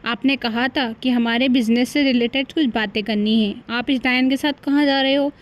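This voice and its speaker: A woman voicing a sharp-tongued, possessive young wife in a cartoon story, taunting her rival. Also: a little high, fairly even intonation, moderate pace, dull audio, lightly acted.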